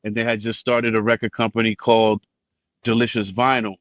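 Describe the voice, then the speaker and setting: Lively storyteller, from Cuba, dry sound. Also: male voice, lowish voice, fairly quick, no echo, muffled recording. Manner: animated, acts out quoted people in raised voices. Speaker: podcast guest, rapper. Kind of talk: casual storytelling interview.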